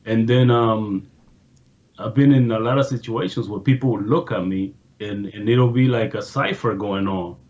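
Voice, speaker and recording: A man who works as a music producer, a guest on a podcast, talking in an earnest, relaxed way in casual chat. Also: fairly low pitch, normal speed, dull audio.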